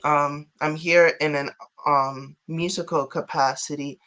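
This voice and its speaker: A man's voice: fairly high pitch, fairly even intonation, measured pace, bright, forceful tone, clean tone. A man from Chicago, a guest artist and rapper, chatting casually in an interview with frequent giggles.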